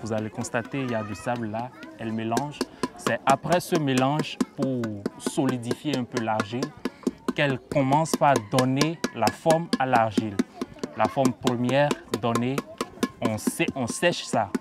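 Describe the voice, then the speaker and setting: A man explaining a craft process on location, slow and hesitant with fillers. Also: medium pitch, over loud music. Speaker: local guide explaining pottery.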